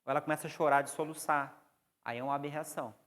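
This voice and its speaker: A man's voice: on the high side, fairly even intonation, rapid-fire, fairly bright tone. A man with a Brazilian Portuguese accent giving a classroom lecture on psychoanalysis, explaining and putting questions to the class. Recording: long hall reverb.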